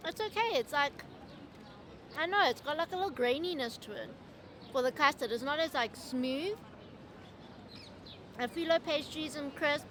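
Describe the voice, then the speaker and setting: A woman's voice: high voice, moderate pace, pauses often, a bit bright, a little hiss or hum. A woman chatting casually in a travel vlog, upbeat and full of fillers, talking outdoors and later in a car. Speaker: travel vlogger.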